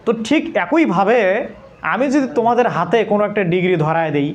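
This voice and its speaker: A man's voice: high voice, lively intonation, fast, dull audio. A man teaching a classroom lesson, asking the pupils the same question again and again until they answer. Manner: repeats questions to pupils, drilling. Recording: loud classroom crowd noise. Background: class of children answering in chorus.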